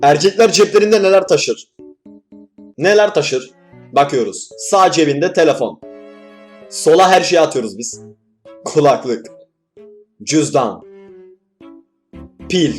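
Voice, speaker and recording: A young man from Turkey hosting a reaction video, joking, swearing and tossing quick asides. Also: on the high side, lively intonation, soft background music. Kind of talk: casual reaction commentary.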